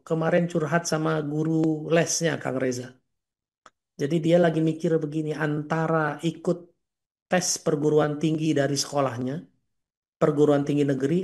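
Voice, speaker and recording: A man's voice: on the high side, a little mellow. A man in his forties, an Islamic preacher in casual talk, telling stories earnestly with quoted dialogue.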